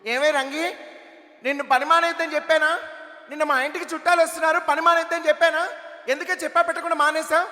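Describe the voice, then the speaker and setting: A man voicing a bossy housewife who scolds her maid in a shrill falsetto. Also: lively intonation, moderate pace, bright, forceful tone, heavily acted. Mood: scolding. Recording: echoey hall, distant over PA.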